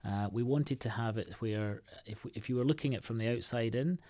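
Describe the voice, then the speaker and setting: A man from the United Kingdom, a guest on an interview show, answering in a halting, thoughtful way with many restarts and fillers. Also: medium pitch, a little mellow. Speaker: podcast guest, IT consultancy co-founder.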